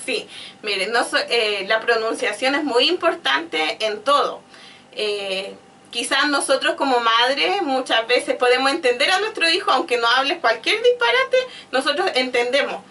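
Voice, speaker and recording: Woman, speech therapist guest; high, bright voice, patient explainer, mic set back. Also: lively intonation, unhurried. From Chile. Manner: patient, explanatory, acts out child talk. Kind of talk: conversational explanation. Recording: voice from far off.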